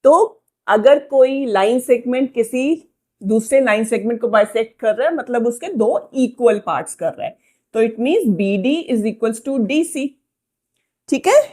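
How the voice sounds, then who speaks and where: A woman teaching geometry in a fairly high, clear voice. She moves slowly and deliberately, spelling out each step of a proof. She often pauses to ask whether her students have understood. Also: expressive, a little mellow. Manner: slow, dictating proof steps word by word, often checking "ठीक है?". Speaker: maths teacher. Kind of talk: Hindi-English maths lesson at a whiteboard.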